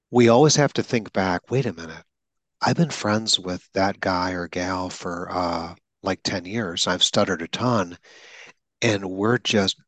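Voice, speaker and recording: A deep-voiced man, recorded dry, interviews a guest about stuttering in a coaching conversation. He is a speech coach who stutters himself, and he speaks emphatically, offering vivid examples and acting out lines.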